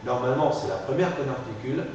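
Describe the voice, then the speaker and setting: A male phonetics teacher explains step by step, pausing often to ask "ok?". He sounds far from the mic, with a long, ringing room echo. A faint hiss sits under the voice. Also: mid-range voice, lively intonation, darkish tone, dull audio. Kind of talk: classroom lecture. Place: classroom.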